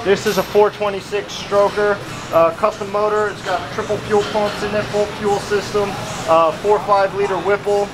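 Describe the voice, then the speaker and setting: A shop manager in his thirties gives an upbeat, plain-spoken tour of a large indoor vehicle workshop for a casual walkthrough vlog. His voice sits high with little pitch movement at a moderate pace, and workshop noise can be heard behind him.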